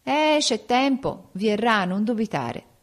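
A woman's voice: fairly high pitch, animated, slow pace, pitched above the performer's own voice. A woman reading the part of a jealous king, raising her voice in accusing outbursts. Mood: questioning. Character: angry jealous king, man.

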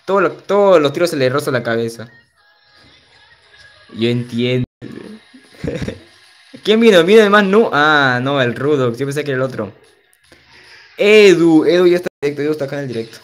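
On a livestream, a young man plays a game and chats loosely with viewers, full of slang, reading chat out loud and laughing often. His voice sits on the high side with a fairly bright tone, and faint music can be heard behind him.

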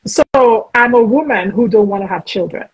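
Forties woman hosting over video call, chatty and blunt, raspy breathy voice. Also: mid-range voice, normal speed, lo-fi sound. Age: 40s. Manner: chatty, frank, talks over herself with restarts. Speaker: host. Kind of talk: casual video-call interview.

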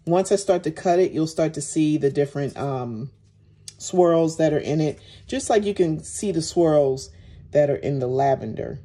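Female maker-host, deep and soft-edged, talking casually through handiwork at an easy pace. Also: normal speed. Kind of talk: casual narration while demonstrating. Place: indoors at home, at a work table.

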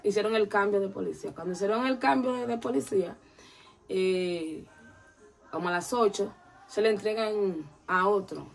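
A woman's voice: medium pitch, normal speed, creaky, soft background music. A woman telling a long story in a casual interview, acting out the voices of the people in it. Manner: animated, acts out quoted voices.

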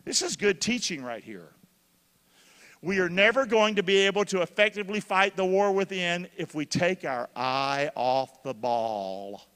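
A male pastor preaching in a church, his bright, forceful voice sitting high for a man. He keeps asking the congregation questions and breaks into excited shouts. The sound rings with the long reverb of the hall. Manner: bursts into shouting when excited. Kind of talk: sermon.

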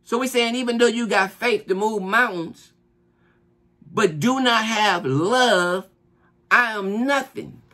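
A man's voice: high voice, slow pace, sharp tone. A middle-aged man giving an earnest, informal sermon, exhorting and repeating key phrases for emphasis. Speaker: preacher, church elder. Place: small furnished living room, indoors.

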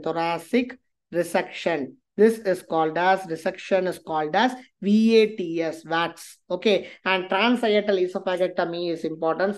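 A woman with a South Indian Tamil accent giving a medical revision lecture, repeating key phrases for emphasis and checking in with listeners. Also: fairly low pitch.

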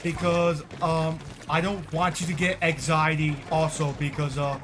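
A man in his twenties plays a game and talks casually to his chat against game music and a noisy background. His slightly high voice stays level and a little slow as he rambles, repeats himself, and gets briefly frustrated.

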